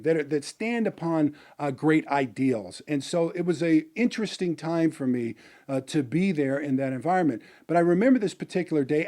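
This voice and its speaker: A man's voice: a little high, dark tone. A middle-aged man, a motivational business speaker, telling a personal story in a rambling way, with many fillers and restarts.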